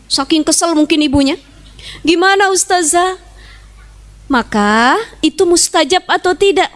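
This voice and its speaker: High-voiced chatty woman preacher. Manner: chatty, joking, laughs often; acts out quoted voices. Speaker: Islamic preacher. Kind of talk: sermon to a women's gathering.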